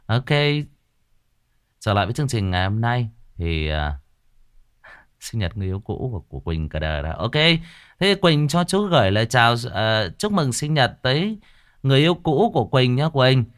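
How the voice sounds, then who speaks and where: A man's voice: mid-range voice, big pitch swings, normal speed. A man hosting a ghost-story livestream, chatting casually with viewers and teasing them with jokes. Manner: joking, teasing banter. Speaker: livestream host reading ghost stories.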